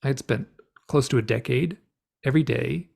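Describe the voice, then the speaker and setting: Gravelly man telling a story animatedly. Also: medium pitch, moderate pace. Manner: rambling, animated storytelling with many fillers. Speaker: guest. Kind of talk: storytelling interview.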